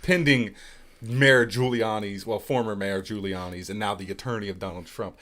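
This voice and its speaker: A man's voice: fairly low pitch, fairly even intonation, normal speed, fairly bright tone. A man in his thirties hosting a casual live podcast, sarcastic and joking, swearing freely. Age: 30s. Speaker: podcast host.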